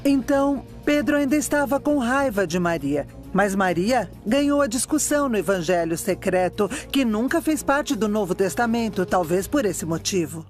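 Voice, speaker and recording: A man's voice: high voice, lively intonation, moderate pace, hardly any pauses. A man with a Brazilian Portuguese accent voicing a documentary expert, retelling a story in an explanatory way. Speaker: expert interviewee, dubbed. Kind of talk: documentary voice-over dub. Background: faint music.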